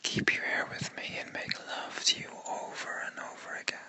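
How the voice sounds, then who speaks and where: A man speaking in a slow, breathy whisper, murmuring intimately to a listener as in a roleplay recording. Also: sharp tone, no room sound.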